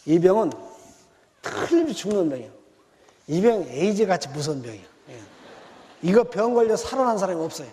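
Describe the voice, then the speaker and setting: A man giving a sermon lecture, telling stories with acted quotes and swinging between soft and loud. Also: sits high, big pitch swings, brisk, long pauses, in a large hall. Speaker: preacher.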